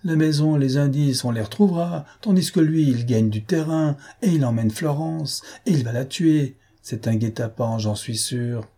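A man reading an audiobook, voicing a fierce, commanding gentleman adventurer who shouts urgent orders. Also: medium pitch, normal speed, breathy edge, natural voice. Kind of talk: audiobook character voice.

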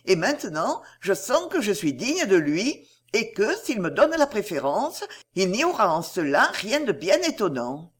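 A woman's voice: medium pitch, big pitch swings, measured pace, husky. A woman voicing a naive, lovestruck young woman in a storybook reading, speaking eagerly and pleadingly.

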